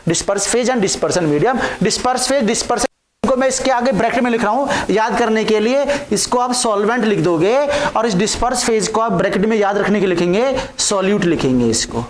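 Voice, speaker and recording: A man's voice: high-pitched, animated, normal speed, a little hiss or hum. A man gives a chemistry lecture. He keeps asking the class questions and repeats each new term several times. The sound is echoey, as if recorded in a bare teaching room.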